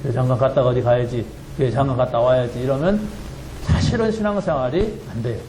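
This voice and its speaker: A man preaching a sermon as pastor, telling a story with animated, laughing delivery. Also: medium pitch, quick pace, echoey room, slight background noise, low-quality recording. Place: church sanctuary.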